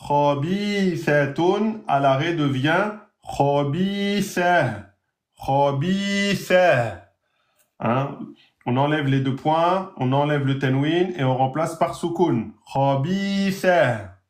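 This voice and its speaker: Male teacher, slow deliberate pace, raised voice, echoey room. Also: on the high side. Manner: slow drawn-out pronunciation of example words. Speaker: Arabic teacher. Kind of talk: live online lesson.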